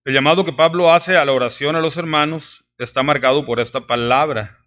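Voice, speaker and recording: Pastor mexicano enfático predicando. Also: male voice, a little high, fairly even intonation, a little fast, a bit bright. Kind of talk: sermon. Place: church sanctuary.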